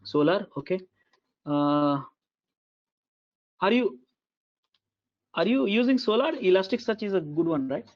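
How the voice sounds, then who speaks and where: High-voiced man, low sample rate. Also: animated. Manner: repetitive, halting, many fillers. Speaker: instructor. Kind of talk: online class lecture. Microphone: video call. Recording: dull lo-fi call audio.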